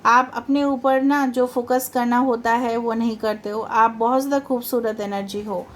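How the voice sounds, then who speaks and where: A woman's voice: a little high, steady tone, normal speed, slight background noise. Chatty woman reading tarot. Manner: chatty, reassuring, mixes English into Hindi, repeats "theek hai". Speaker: tarot reader.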